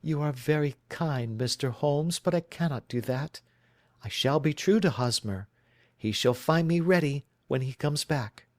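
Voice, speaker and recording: In an unhurried, natural voice on a dry recording, a man plays an earnest young woman worried for her missing fiancé, to whom she is devoted. He pitches his voice higher, sounding raised, distressed, and pleading.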